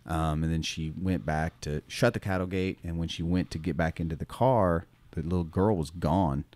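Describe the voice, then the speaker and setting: A man's voice: low-pitched, normal speed, no room sound. A man, a schoolteacher co-hosting a podcast, telling a story casually with lots of fillers and the odd laugh. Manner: relaxed, rambling, many fillers like "you know" and "um"; laughs now and then while telling stories.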